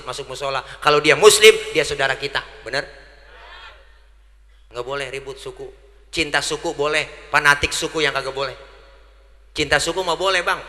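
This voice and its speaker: Bright-voiced joking preacher, hall reverb. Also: male voice, medium pitch. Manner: jokey, punchy call-and-response with the crowd. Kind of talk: comedic religious sermon.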